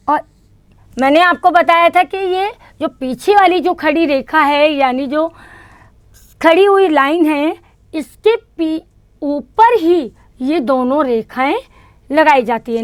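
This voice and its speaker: Slow, patient high-voiced woman teacher. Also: clean studio sound. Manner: slow, patient, repeats each sound for children to echo. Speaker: kindergarten teacher. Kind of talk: online lesson teaching Hindi vowel signs.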